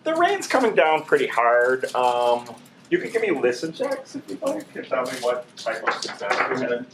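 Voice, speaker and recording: A man's voice: mid-range voice, huge pitch swings, normal speed. A man acting as game master, describing scenes in a loose, meandering way while narrating a tabletop horror game. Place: convention gaming room. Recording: echoey, distant, noisy convention room.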